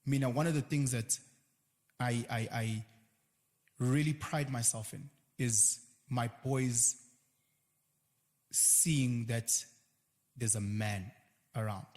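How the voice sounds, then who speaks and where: A South African man talks animatedly as a guest, dipping into quick quoted voices as he makes his points. His voice sits at an ordinary pitch. A long reverberant tail hangs on every word. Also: fairly even intonation, a little mellow. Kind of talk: casual conversation.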